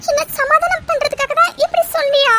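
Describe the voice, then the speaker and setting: A clingy, frightened young college girl in an animated story, voiced by a woman, her voice sitting very high. She pleads quickly and anxiously, with a faint hiss of noise under her lines. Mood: frightened pleading. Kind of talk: animated cartoon story dialogue.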